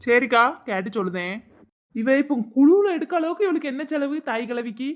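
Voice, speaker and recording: A woman's voice: high voice, animated, fairly quick. A woman playing a shrewd daughter-in-law, muttering and taunting. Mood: suspicious.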